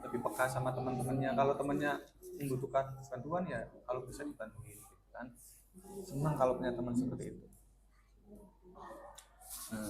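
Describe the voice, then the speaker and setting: A man's voice: medium pitch, background noise. A man working as a school counselor, leading a casual group guidance lesson and often asking his students questions. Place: school classroom. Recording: classroom with student chatter. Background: students talking and answering.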